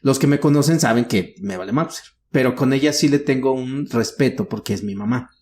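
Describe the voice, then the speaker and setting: A man's voice: mid-range voice, a little fast, darkish tone. A middle-aged man with a Mexican accent, a guest telling personal family stories in a frank, earnest way with casual swearing. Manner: frank and earnest, slips into acted quotes of relatives, casual swearing. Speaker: guest, workshop speaker. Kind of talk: candid conversational storytelling.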